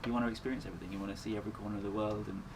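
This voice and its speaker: A man with a fairly low voice talks casually as a guest in an interview. His way of speaking is earnest and reflective. Clear ambient noise sits behind his voice. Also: fairly even intonation, racing. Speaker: endurance runner, interview guest. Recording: clearly noisy ambient background.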